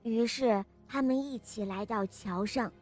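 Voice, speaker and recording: A woman narrating a children's story with a lively, expressive reading. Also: fairly high pitch, unhurried, faint music behind.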